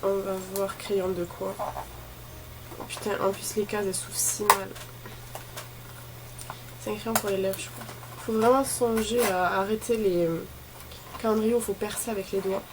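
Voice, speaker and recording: A woman chats informally in the manner of a beauty vlogger, thinking aloud and wandering from one remark to the next. Her pitch is average for a woman. The recording carries clear ambient noise behind her. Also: steady tone, normal speed, long pauses. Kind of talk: casual chat while opening advent calendars.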